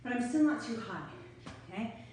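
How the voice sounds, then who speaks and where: This is a middle-aged woman leading a casual home workout near the stairs, talkative and winded between bursts. Her voice sits a little high and slightly mellow, with lively intonation and a moderate pace. The recording has room echo, a far-off camera, and a bit of hiss or hum.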